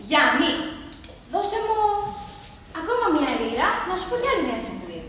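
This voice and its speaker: A woman voicing a stingy, commanding master in a folk tale, loud and insistent, recorded far off in an echoey hall with background noise. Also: high voice, wildly swooping pitch, heavily acted. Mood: bossy.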